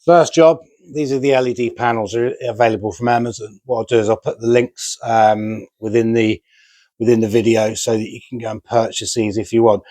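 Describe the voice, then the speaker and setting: Man, diy vlogger, chatty, self-deprecating, mid-pitched voice, dry close sound. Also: fairly even intonation, fairly quick, dark tone, no echo. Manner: chatty, self-deprecating, talks while working with hands. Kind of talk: casual how-to narration while building. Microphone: remote mic.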